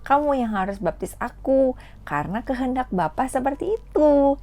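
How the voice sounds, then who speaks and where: A woman voicing Jesus as a gentle, humble grown man in a children's puppet story, speaking kindly in a raised voice. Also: high voice, lively intonation, normal speed, voice pushed up.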